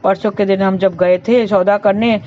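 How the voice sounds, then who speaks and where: A woman's voice: mid-range voice, steady tone, moderate pace, close to an everyday voice. A woman doing a patient elder son. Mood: reassuring. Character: calm grown elder son explaining patiently. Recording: dull lo-fi with faint hiss.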